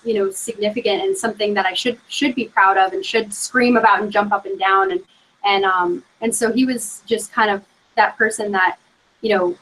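A woman co-hosting a podcast, chatting casually and fast, with lots of "like" and "you know". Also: medium pitch, fairly bright tone, a little hiss or hum, poor audio. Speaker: podcast co-host. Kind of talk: casual chat.

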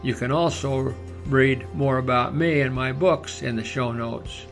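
A man with a gravelly, mid-pitched voice narrates in the manner of a nature documentary. His delivery is measured and formal, clearly read from a script, with music playing behind him. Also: steady tone. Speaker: podcast narrator and host.

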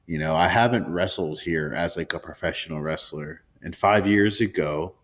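Young male podcast co-host, deep low voice, relaxed casual chatter with restarts. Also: normal speed. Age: 20s. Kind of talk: casual sports chat.

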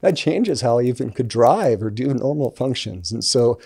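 Brief: male co-host, warm mellow tone, easygoing and affirming. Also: medium pitch, normal speed, gravelly, breathy edge. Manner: relaxed, conversational, affirming. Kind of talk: casual podcast discussion.

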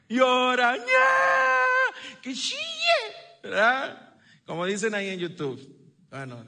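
A man preaching a sermon as a pastor, lively, with asides to the congregation and playful voices. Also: extremely high pitch. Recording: long reverb of a large hall.

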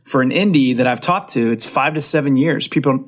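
A man's voice: mid-range voice, brisk. A man hosting an interview podcast, asking long rambling questions in a chatty, encouraging way. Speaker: podcast host, film coach. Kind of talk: casual interview talk.

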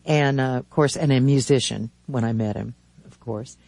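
A man in his seventies hosting a radio talk show from a studio, chatting casually in a rambling, halting way with many restarts. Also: medium pitch, gravelly, a little mellow, no echo.

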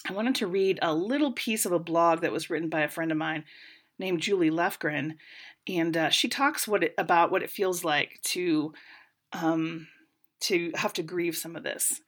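A woman's voice: lowish voice, normal speed, a bit bright. A woman in her forties, talking candidly and reflectively with some wry humor, slightly congested from a lingering cold. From United States. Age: 40s. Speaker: podcast panelist. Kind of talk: personal reflection.

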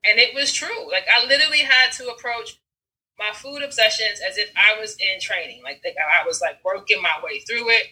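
A woman telling personal stories in casual conversation, animated, acting out scenes and swearing freely. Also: mid-range voice, a little fast, low-quality recording. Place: Brooklyn.

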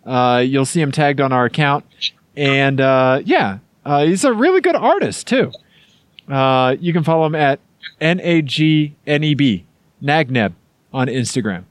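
A man's voice: mid-range voice, animated, measured pace, no room sound. A man with a Missouri accent co-hosting a podcast in casual, jokey chat. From Missouri, United States. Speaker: podcast co-host.

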